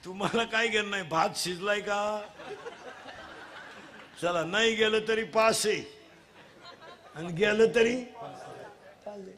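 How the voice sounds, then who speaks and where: A middle-aged man leads a comic devotional kirtan, teasing the children and drilling them through loud call-and-response. His voice is high, and he speaks slowly with long pauses.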